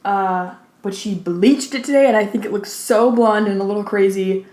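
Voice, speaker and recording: A woman hosting a mukbang, chatting informally with lots of "like", pausing to take bites and chew, slightly out of breath. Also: mid-range voice, darkish tone. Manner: informal, peppered with "like". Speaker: mukbang host. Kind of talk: casual chat while eating. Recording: roomy, echoey indoor sound.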